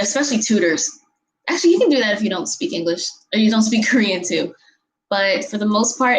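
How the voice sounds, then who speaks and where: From her bedroom, a woman with a medium-pitched voice answers viewer questions in a casual chat, giggling often and filling her speech with fillers. She's recorded on a webcam at desk distance, with poor audio and slight background noise.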